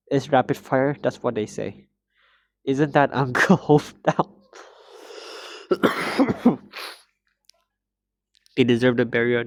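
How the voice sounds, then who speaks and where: A man reading a visual novel's dialogue and news scenes aloud in a playthrough, stiffly, with frequent stumbles and restarts. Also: mid-range voice. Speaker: gaming channel host.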